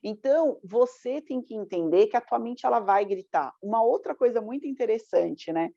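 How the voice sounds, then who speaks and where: Brief: woman life coach, warm mellow tone, dry lo-fi recording, lively chat. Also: on the high side, normal speed, gravelly, dry recording. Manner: chatty, acts out her inner voice. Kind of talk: casual motivational talk. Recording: dull dry lo-fi sound.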